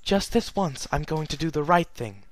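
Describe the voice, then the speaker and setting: A man's voice: a little high, big pitch swings, moderate pace, no echo, voice pushed up. A man voicing Princess Celestia, raised and solemn. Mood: solemn, wistful. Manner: solemn, earnest letter-reading. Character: regal, sorrowful immortal pony princess, woman. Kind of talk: fan fiction reading.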